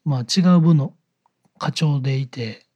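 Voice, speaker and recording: A man's voice: medium pitch, a little slow, darkish tone, slightly rough. A man from the Kyoto area with a Kyoto-style Kansai accent, chatting casually as a co-host. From Kyoto area, Japan. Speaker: podcast co-host. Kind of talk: casual chat.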